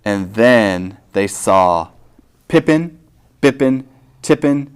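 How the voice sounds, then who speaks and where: A man's voice: mid-range voice, animated, takes it slowly, clear, resonant tone. A man hosting a children's reading show, reading a picture book aloud expressively and asking the children questions.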